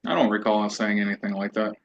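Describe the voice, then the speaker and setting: A man's voice: on the low side, a little fast, vocal fry. A man testifying in a divorce hearing, guarded and evasive, heard through a courtroom recording. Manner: guarded, evasive, repeats that he doesn't recall. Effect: courtroom recording played back on a stream. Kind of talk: testimony under questioning. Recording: dull lo-fi courtroom audio.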